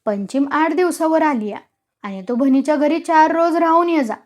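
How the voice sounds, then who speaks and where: A woman's voice: high voice, moderate pace, a little mellow, lightly acted. A woman voicing an anxious old village mother who nags and pleads with her son in a told story. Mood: coaxing. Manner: nagging, pleading.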